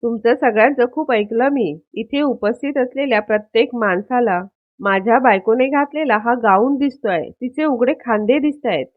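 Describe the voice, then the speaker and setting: A woman's voice: fairly high pitch, normal speed, close to an everyday voice. A woman voicing an indignant husband defending his wife. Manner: firm, indignant speech. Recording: tinny phone-like audio.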